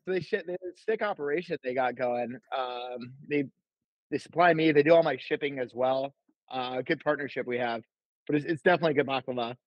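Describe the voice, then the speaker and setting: A young New Jersey man who sells baklava is a guest on a podcast, chatting casually and telling loose, rambling stories. His mid-range voice moves a little fast, he's laid-back and full of filler, and he says "like" constantly. The audio is dull with no room sound.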